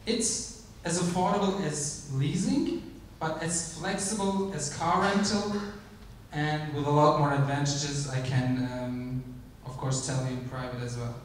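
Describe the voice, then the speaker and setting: On a large theater stage, a man delivers a conference startup pitch in a measured way, often saying "um" and restarting. He uses a handheld mic and is filmed from the audience, so the sound is echoey and distant, with slight background noise.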